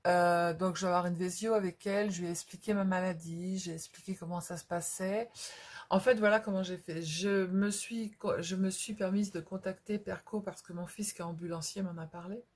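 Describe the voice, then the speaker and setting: Lowish, steady, and a little mellow, the middle-aged woman's voice moves at a moderate pace. She hosts a craft video, chatting in a casual, unscripted, hesitant way and often rambling or repeating herself.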